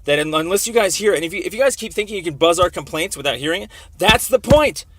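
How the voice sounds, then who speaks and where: This high-voiced man, calling police internal affairs with a complaint, talks fast and animatedly, with noise audible behind him. He argues over the phone insistently and repetitively, often speaking over whoever is on the line.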